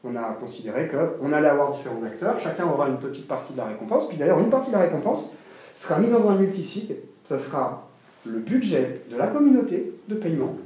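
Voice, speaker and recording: A man giving a seminar lecture in an animated, emphatic way, with frequent restarts and asides. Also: a little high, fairly quick. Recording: echoey room, mic far off.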